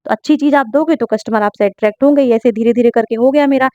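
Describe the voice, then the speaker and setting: A young woman with a fairly high voice talks earnestly and at length, answering viewers' questions about her home baking business. She keeps checking in with her listeners as she goes. The recording sounds dull and dry, as if made close up at home. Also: fast, mellow, dry recording. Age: young adult. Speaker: home baker. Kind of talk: casual Q&A vlog.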